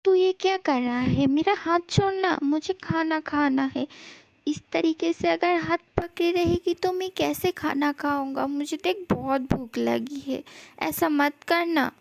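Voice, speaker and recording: A woman's voice: high voice, unhurried, gravelly, no room sound. A woman reading a fan love story aloud, giving every character's lines in much the same voice.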